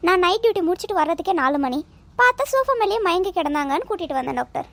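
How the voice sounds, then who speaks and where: A woman's voice: extremely high pitch, lively intonation, very fast, gravelly, a bit bright, no echo, heavily acted. Woman voicing a nagging cartoon son. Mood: lecturing. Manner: lecturing, nagging. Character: dutiful grown son, lecturing and exasperated. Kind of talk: cartoon voice acting.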